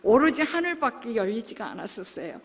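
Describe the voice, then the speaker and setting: A middle-aged woman, a pastor's wife, giving an earnest, emotional testimony sermon, moving from soft asides to loud exclamations. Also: a little high, very animated, a little fast, vocal fry, breathy edge. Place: large church hall. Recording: long hall reverb.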